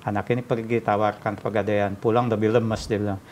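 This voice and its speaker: A man's voice: lowish voice, little pitch movement, brisk, darkish tone, slight background noise. A man guest telling stories in casual chat, acting out the dialogue and laughing often.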